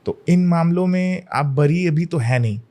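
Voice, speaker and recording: A man hosting a podcast interview, putting calm, probing questions to his guest. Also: a little high, normal speed. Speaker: podcast host.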